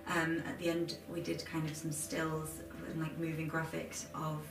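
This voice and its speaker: A woman's voice: low-pitched, monotone, moderate pace. A woman in her twenties with a Durham accent from north-east England, chatting casually as an interview guest. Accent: Durham, north-east English. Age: 20s. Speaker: interview guest, aspiring film and TV editor. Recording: roomy, distant mic, music underneath.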